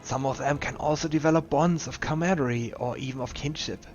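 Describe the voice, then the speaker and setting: A man's voice: medium pitch, brisk, close to an everyday voice. A man voicing a confused old male museum custodian who rambles through wandering questions, over faint game music in a slightly dull recording. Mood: rambling.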